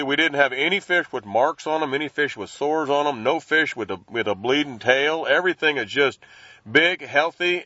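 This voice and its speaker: A man with a higher, bright voice and a forceful tone talks as an interview guest, a professional angler explaining things in casual, folksy, slangy language. The recording is dry and sounds dull.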